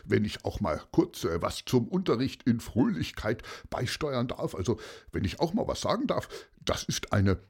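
A man's voice: mid-range voice, big pitch swings, normal speed, vocal fry, breathy edge, exaggerated voice. A man reading a storybook, voicing Antonius Paulus, a chatty man who rambles on with eager asides. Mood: enthusiastic.

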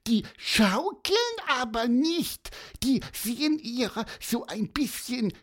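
A woman's voice: a little high, expressive, takes it slowly. A woman voicing a small, eager, helpful bird in an audio storybook, chatty and stammering with fillers.

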